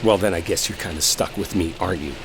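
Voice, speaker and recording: This enemies-to-lovers audio acting features a man as a sarcastic, exasperated coworker arguing while he drives, irritated, swearing and bitter. His voice is low and fast, only lightly acted. Behind him are rainstorm and vehicle sounds.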